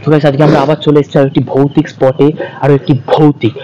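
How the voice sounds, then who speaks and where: A man hosting a ghost-hunting vlog on location, speaking softly in a hushed, casual way. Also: a little high, little pitch movement, racing, lo-fi sound. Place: outdoors at night in a dark field.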